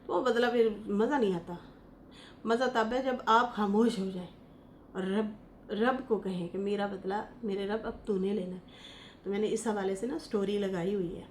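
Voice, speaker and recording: A woman's voice: mid-range voice, a little mellow, slight background noise. Impassioned woman gossip-news host. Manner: impassioned, scolding, recounts others' words. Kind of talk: emotional commentary on a family scandal.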